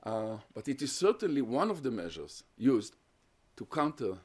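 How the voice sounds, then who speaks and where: A guest lecturer on terrorism research, a native Hungarian speaker, talks in a steady mid-range voice. He explains his material methodically, setting out each point in turn, and answers questions from the audience during this academic session.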